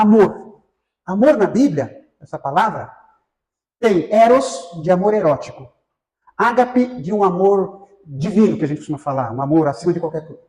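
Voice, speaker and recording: A man's voice: sits high, darkish tone, echoey room, rough recording. A man with a Brazilian Portuguese accent teaching a church Bible class in a conversational way, often checking in with his listeners. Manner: conversational, asks the class questions, many fillers.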